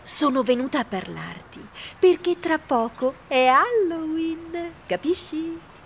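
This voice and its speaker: A man voicing a bossy, teasing young female mouse in an audiobook, coaxing and talking in rapid bursts. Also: extremely high pitch, expressive, creaky, a bit bright, slight background noise, pitched above the performer's own voice, exaggerated voice. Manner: wheedling, coaxing, rapid-fire. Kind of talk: audiobook character voice.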